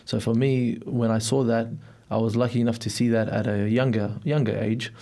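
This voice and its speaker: The interview guest is a young Melbourne man speaking in a studio at normal speed. His medium-pitched voice is flat and dark, with vocal fry, and he answers reflectively and hesitantly.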